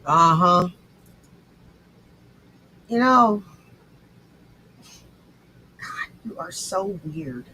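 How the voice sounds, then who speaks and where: A woman's voice: on the low side, sharp tone, a little hiss or hum, poor audio. A woman commenting on a clip in a blunt, scornful and sarcastic way. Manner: scornful, sarcastic, slow and deliberate. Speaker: commentator reacting to clips.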